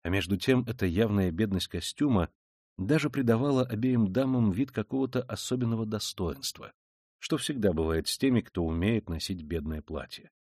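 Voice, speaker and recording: A man narrating a classic novel in an even, measured, quiet way. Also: fairly low pitch, no room sound, clean studio sound. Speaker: audiobook narrator.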